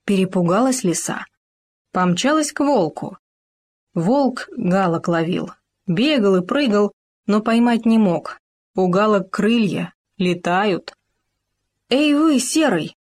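A woman narrating an animal fairy tale in a measured, expressive storytelling style. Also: medium pitch.

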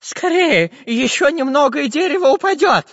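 A man's voice: extremely high pitch, sing-song, a little slow, fairly bright tone, voice pushed up, exaggerated voice. A man voicing an anxious male professor who pleads and frets. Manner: pleading, fretful. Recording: dull lo-fi with long reverb.

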